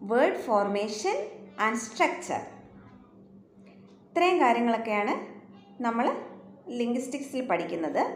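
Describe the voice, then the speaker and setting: A woman teacher with a Malayalam accent gives a recorded lecture, switching to slow, careful English for each definition. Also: on the high side, a little mellow. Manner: slow, deliberate reading of English definitions between Malayalam explanation. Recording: echoey room, faint background hiss.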